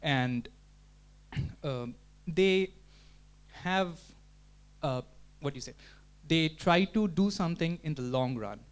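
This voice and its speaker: At a community meetup, a man presents an explanatory talk in the meetup room, thinking aloud with frequent restarts and fillers. His voice is a little high, smooth, and animated, and he takes it slowly with many pauses.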